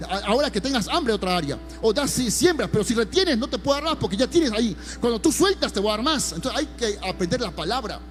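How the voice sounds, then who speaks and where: A man's voice: very high-pitched, very animated, fast talker, few pauses, soft background music. A man preaching a sermon as pastor, calling listeners brother and building emphasis.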